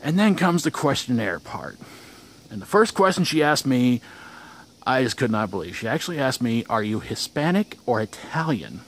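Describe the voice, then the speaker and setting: A man's voice: medium pitch, sing-song, moderate pace, slight background noise. A young man telling a casual vlog story outdoors, rambling, with restarts and chuckles. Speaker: vlogger.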